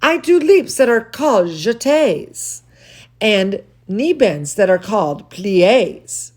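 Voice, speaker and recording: A woman reads as an excitable little girl from a storybook, proud and theatrical. The delivery is unhurried and swoops up and down, with each fancy word carefully explained. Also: medium pitch. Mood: boastful, theatrical. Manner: dramatic, precise, explains fancy words.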